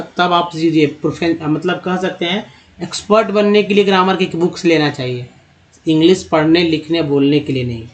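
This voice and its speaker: A man teaches English spelling sounds step by step, asking and answering his own questions as he goes. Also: a little high. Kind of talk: spoken English phonics lesson.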